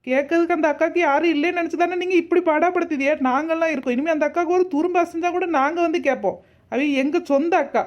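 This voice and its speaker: A woman's voice: extremely high pitch, fast talker, muffled recording. A woman doing a bold, protective woman. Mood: indignant. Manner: firm, scolding, protective. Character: bold young village woman standing up for others.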